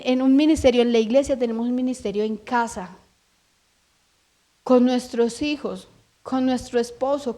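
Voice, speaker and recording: A woman's voice: on the high side, dark tone. A middle-aged woman with a Colombian accent preaching a sermon earnestly, often acting out what people say. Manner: earnest, acts out quoted voices.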